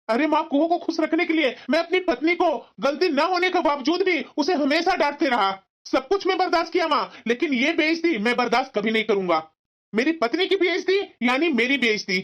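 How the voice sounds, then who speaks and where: A woman's voice: high-pitched, animated, brisk. A woman voicing a stubborn adult son who firmly refuses to back down in a cartoon family drama. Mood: indignant. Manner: firm, insistent scolding. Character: adult son, stubborn and resentful toward his sister. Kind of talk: cartoon voice acting. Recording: dull lo-fi sound.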